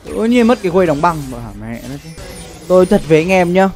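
This young adult streamer speaks quickly in a high, darkish, very animated voice while soft music plays. He gives loose game commentary from his indoor setup, peppered with slang and curses, and keeps repeating himself.

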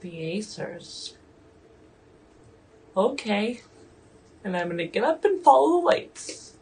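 A woman playing in a tabletop game, asking curious questions slowly. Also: mid-range voice, sing-song, darkish tone, a little hiss or hum.

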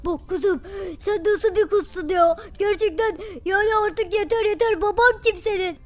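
A woman's voice: very high-pitched, unhurried. A woman voicing a stern male police officer who scolds a child.

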